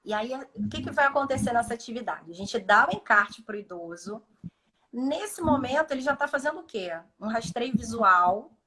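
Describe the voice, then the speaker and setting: A woman's voice: on the high side, expressive, moderate pace, crowd noise. A woman speech therapist explaining cognitive activities in a live video call, often acting out short dialogues with patients.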